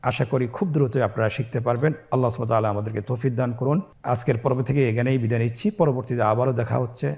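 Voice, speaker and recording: A man teaching Quran reading in a recorded lesson, breaking words into syllables and blending them, with calm, patient instruction. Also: medium pitch. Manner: slow, spells syllables then blends them louder.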